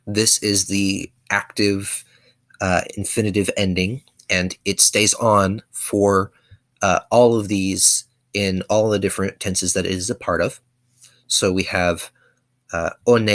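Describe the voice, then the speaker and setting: Bright-toned man teaching his conlang. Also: sits low. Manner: explanatory, hesitant with frequent ums and self-corrections. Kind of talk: casual video lesson.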